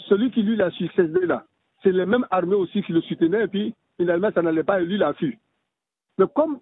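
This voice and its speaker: Husky-voiced man leaving an answering machine message. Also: high voice, no room sound. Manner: hesitant, halting, with many restarts. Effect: answering machine message over a phone line. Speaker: listener caller. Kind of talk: voicemail left for a radio call-in show. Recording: tinny phone-line voicemail.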